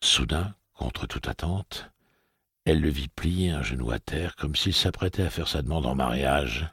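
A man narrating an audiobook in a steady, even storytelling manner with a gravelly, husky voice. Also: extremely low pitch, measured pace, dry recording, studio quality. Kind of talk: scripted narration.

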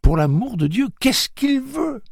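A man voicing a desperate young woman who shouts urgently at a machine. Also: extremely high pitch, big pitch swings, unhurried, gravelly, no room sound, studio quality, pitched above the performer's own voice, exaggerated voice. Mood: frantic. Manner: frantic, shouting.

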